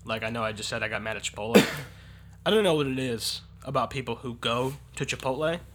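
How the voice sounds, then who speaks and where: Bright-voiced man ranting casually. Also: mid-range voice. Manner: rambling, exasperated complaining with quick bursts. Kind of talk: casual banter.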